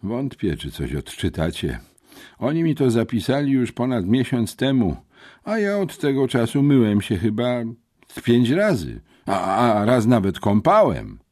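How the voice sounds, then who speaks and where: A man voicing a dim, whiny teenage bodybuilder boy in an audiobook, squeaking and slow on the uptake. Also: huge pitch swings, darkish tone. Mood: sulky. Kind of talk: audiobook character voice.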